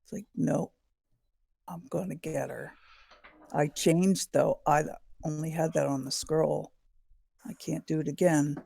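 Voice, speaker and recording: A woman's voice: low voice, fairly even intonation, measured pace, creaky, pauses often, warm tone, breathy edge. A woman chatting casually as a tabletop game player, in short, clipped remarks.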